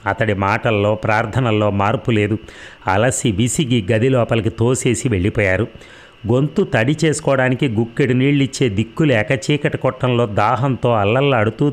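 Brief: male narrator reading a tense novel, steady and dramatic. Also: medium pitch. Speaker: audiobook narrator.

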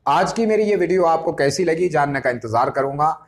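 Man, english teacher, fairly high voice, slow deliberate explaining. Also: expressive. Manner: slows down and stretches words when explaining English terms. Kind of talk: explanatory lesson.

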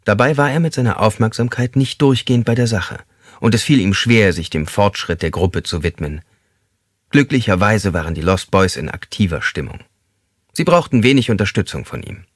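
A man reading an audiobook in scripted narration, expressive and measured. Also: lowish voice, dry recording, clean studio sound.

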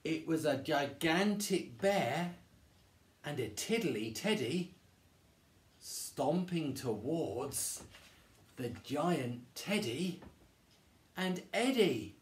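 A man reading a children's story aloud in a gentle, storytelling manner, in an echoey room. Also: on the high side, animated, extremely slow, long pauses.

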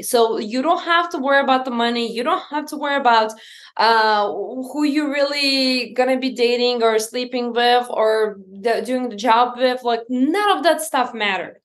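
Lithuanian-born founder in her thirties, bright higher voice, eager non-native English, heard over a video call. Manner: energetic, earnest, non-native grammar. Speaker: guest, company founder. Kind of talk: casual interview talk. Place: indoor room at home.

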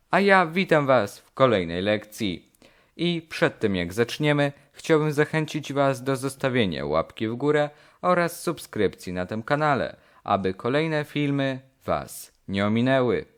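A man teaching English, slowly repeating short phrases in a lesson. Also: mid-range voice. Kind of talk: slow language lesson drills.

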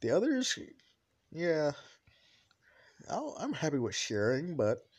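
A bossy young woman who lays claim to her man and won't hear otherwise, put on loosely by a man telling a story. She talks slowly, flatly and offhand, stumbling into restarts. It sounds like a storyteller barely changing his voice. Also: fairly high pitch, muffled recording, heavily acted. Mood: possessive.

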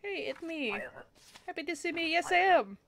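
A woman's voice: very high voice, expressive, normal speed, creaky, fairly bright tone, a little hiss or hum, pitched above the performer's own voice, full character voice. A woman voicing a cheerful, pushy male traveler who speaks in broken English, in a game playthrough. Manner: broken English, upbeat and chummy.

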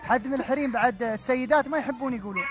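Rapid-fire Emirati male quiz host. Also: very high voice. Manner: jovial, teasing callers. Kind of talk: live call-in quiz hosting.

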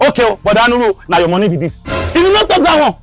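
A man acting out a furious Nigerian Pidgin-speaking man chasing the money his savings group owes him, his voice very high and swinging wildly as he shouts. He rants loudly, then pleads softly, over music playing behind. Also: expressive, brisk. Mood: demanding. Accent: Nigerian Pidgin English. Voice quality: loud and insistent, then pleading. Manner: shouting threats, then soft apologies. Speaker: skit actor.

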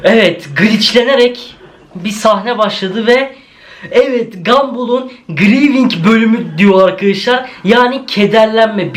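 A man's voice: high voice, rough recording. A male YouTuber giving a jumpy horror video reaction, swearing often and talking straight to his viewers.

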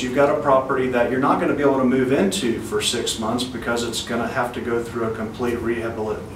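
A man in his thirties gives a loose, conversational product pitch full of filler words. His voice sits at an ordinary middle pitch. He sounds a little distant from the mic, in a roomy office with a faint hiss behind him. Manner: relaxed, conversational, with frequent "um" fillers. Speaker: bank loan officer. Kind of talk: casual to-camera product pitch. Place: indoor office in front of a wall poster.

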